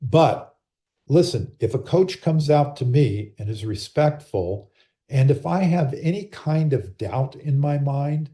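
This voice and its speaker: A man who works as an umpire, calmly explaining game rules to coaches over a video call, sometimes acting out sample exchanges. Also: mid-range voice, takes it slowly. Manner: calm, explanatory, acts out sample dialogue. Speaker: umpire and rules clinic presenter. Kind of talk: instructional talk on a video call. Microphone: computer or laptop mic on a video call.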